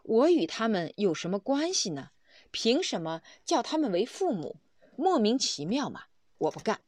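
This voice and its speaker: A woman's voice: fairly high pitch, big pitch swings, moderate pace, darkish tone. Woman voicing a wailing, indignant revived bride. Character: young woman brought back from death, emotional.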